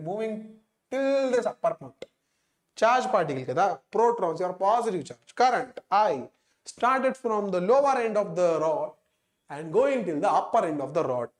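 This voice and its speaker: Telugu accent guy teaching class, talks fast, very up and down, repeats stuff for emphasis, keeps asking questions. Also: high-pitched. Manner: emphatic, repeats key phrases, asks rhetorical questions. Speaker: physics teacher. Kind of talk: exam-prep physics lesson, mixing English with Telugu.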